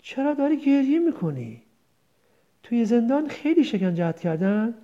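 A woman whose slightly high, dark voice swings widely in pitch acts as an old village mother, tender and rambling as she mourns her son. The mother is grieving, confused and doting, and the audio is dull and lo-fi.

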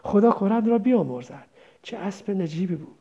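A woman's voice: medium pitch, animated, dark tone, breathy edge, dull audio. A woman voicing a rambling old village mother. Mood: rambling worry. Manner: rambling, tender, lamenting. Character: old village mother, grieving, confused, doting.

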